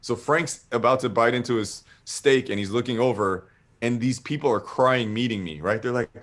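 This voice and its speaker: A man with a medium-pitched voice tells a long story casually at a moderate pace. He rambles and swears, animatedly acting out what people said.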